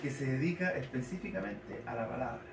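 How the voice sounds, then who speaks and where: Pastor guy teaching a sermon, slow, repeats words, kinda far off in an echoey church. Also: medium pitch, animated, noisy background. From Chile. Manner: slow, repeats and spells key words for a congregation. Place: church hall. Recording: echoey church hall, mic at a distance.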